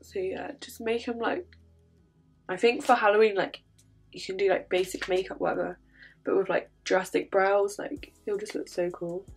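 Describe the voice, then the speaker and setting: A woman's voice: mid-range voice, steady tone, normal speed, soft background music. A woman with a congested, sniffly voice chatting casually through a makeup tutorial, filling her talk with "um" and "like". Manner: chatty, many fillers like "um" and "like". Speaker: makeup vlogger.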